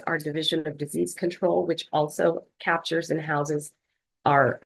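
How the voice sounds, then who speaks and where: Low, gravelly woman, health department leader presenting over a video call, measured with fillers. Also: level tone, rough recording. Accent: Philadelphia. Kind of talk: formal online meeting presentation.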